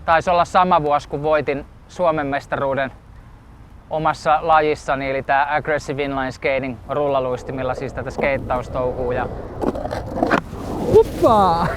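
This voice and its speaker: A photographer from southeastern Finland talking casually on location outdoors, lively and quick to exclaim. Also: male voice, a little high, slight background noise. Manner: lively, exclaims while shooting. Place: outdoors in town.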